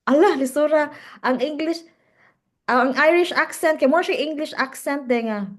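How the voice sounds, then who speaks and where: A woman's voice: high voice, moderate pace. A woman with a Cebuano accent co-hosting a podcast, chatting casually, mixing English and Cebuano and laughing often. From Cebu, Philippines. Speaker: podcast co-host. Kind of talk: casual chat.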